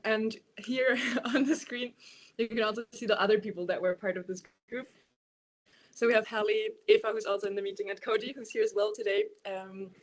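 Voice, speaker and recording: A woman, presenting a project over a video call, hesitant and full of ums and yeahs. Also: medium pitch. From Germany. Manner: hesitant, many ums and yeahs, laughs lightly.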